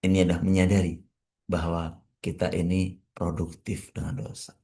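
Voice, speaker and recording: Male preacher, low voice, chatty morning study talk, emphatic and repetitive with big pitch swings. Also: level tone, moderate pace, warm tone. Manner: conversational, addressing listeners directly. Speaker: Islamic preacher.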